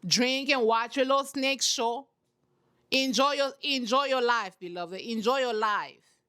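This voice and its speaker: A woman's voice: fairly high pitch, unhurried, clean tone. A woman giving casual reaction commentary on a reality TV show, emphatic and preachy, repeating her points and talking straight to her listeners. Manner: animated, talks straight to her audience.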